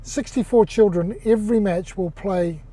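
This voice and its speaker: Relaxed as a guest in a casual interview, this New Zealand man has a mellow, fairly high voice. His speech follows an older executive's easygoing, halting cadence, dotted with fillers and restarts.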